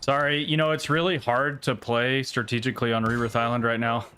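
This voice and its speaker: A man's voice: medium pitch, level tone, fairly quick, pushed and bright, slight background noise. A man streaming a battle royale game live, giving casual commentary in gamer slang, often swearing when frustrated.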